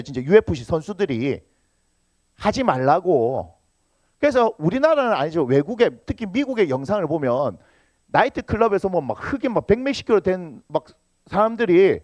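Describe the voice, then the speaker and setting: A man's voice: high voice, no room sound. A man preaching a Sunday sermon as senior pastor, joking with the congregation and asking rhetorical questions.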